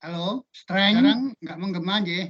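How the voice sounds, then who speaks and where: A man lecturing slowly over a video call, his audio choppy and breaking up. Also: high voice, a bit bright, lo-fi sound. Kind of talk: online university lecture.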